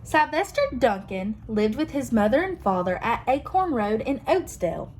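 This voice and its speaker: A young woman reading a picture book aloud to children, expressive and pausing to ask them questions. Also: on the high side, a little hiss or hum. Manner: expressive, asks listeners questions. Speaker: children's story reader.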